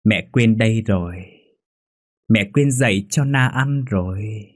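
A man's voice: lowish voice, measured pace. A man voicing a vengeful, hungry ghost girl in a sing-song, wheedling child voice, reading a horror story. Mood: wheedling eerie.

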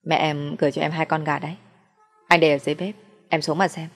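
A woman voicing a young man, a gentle boyfriend who teases and comforts in a soft, reassuring way. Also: low voice, little pitch movement, fast talker, big-room sound, soft background music. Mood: coaxing.

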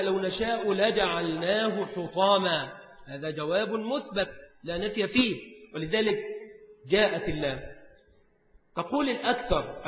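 A man with a high voice and an Egyptian Arabic accent teaches a religious lesson in a large hall with long reverb. He works through each point methodically, repeating phrases and posing rhetorical questions. The recording is dull and lo-fi. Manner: recites Quran verses slowly. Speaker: Islamic scholar teaching creed.

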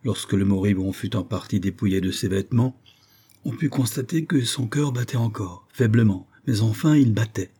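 Deep, husky male audiobook narrator. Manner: measured, expressive reading.

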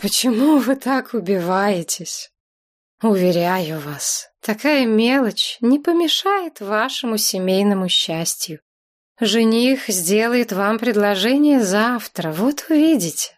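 A woman voicing a calm, polite middle-aged man who speaks in an unruffled, soothing way. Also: mid-range voice, slow pace. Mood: reassuring.

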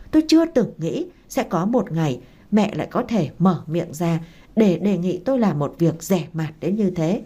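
Husky, low-voiced woman narrating a romance story. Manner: steady first-person storytelling.

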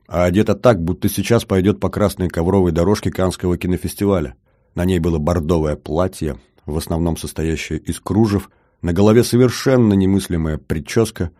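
A man narrating a first-person science fiction audiobook in a steady, measured way. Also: deep voice, no room sound, clean studio sound.

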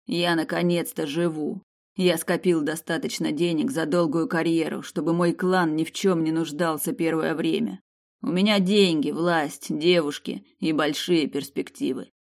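A woman's voice: deep voice, fairly even intonation, moderate pace, creaky. A woman voicing a cold, menacing male mercenary in an audiobook, with clipped speech. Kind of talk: audiobook character reading.

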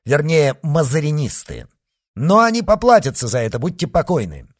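A man voicing an ambitious, scheming churchman who speaks emphatically and loud. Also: a little high, big pitch swings, moderate pace, voice pushed up. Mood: emphatic.

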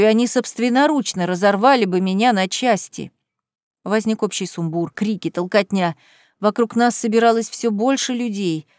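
A woman reads a first-person audiobook in an even, calm storytelling manner. Her voice sits fairly high. The recording is dry, with no room around it. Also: no echo. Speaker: audiobook narrator.

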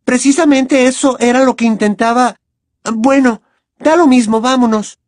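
A man voicing a frightened, insistent teenage schoolgirl witch who talks in a shrill, tense, urgent way. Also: moderate pace, no room sound, clean studio sound. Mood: brisk.

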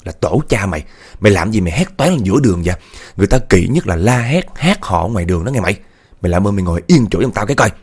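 A man voicing a gruff, irritated old cart driver who scolds and curses. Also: lowish voice, lively intonation, fast talker. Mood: angry scolding. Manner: scolding, cursing.

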